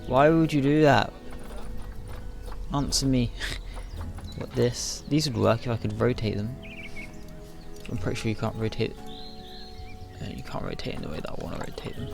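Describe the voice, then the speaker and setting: A man's voice: lowish voice, normal speed, gravelly, pauses often, music in the background. A sleepy, yawning man rambling to himself with lots of fillers as he builds in a game. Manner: rambling, self-talking, frequent fillers. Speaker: gaming video creator. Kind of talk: casual commentary while building in a game.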